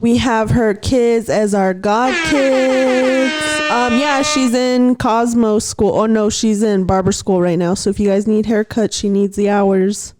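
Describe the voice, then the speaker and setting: Female podcast guest, fairly high voice, casual conversational delivery. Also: fairly even intonation, unhurried, a little mellow. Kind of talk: casual chat.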